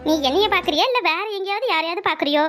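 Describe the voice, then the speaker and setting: A woman voicing a sharp-tongued young village wife in a cartoon, scolding her husband with sarcastic retorts. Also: very high-pitched, very fast, soft background music. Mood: teasing. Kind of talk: cartoon voice acting.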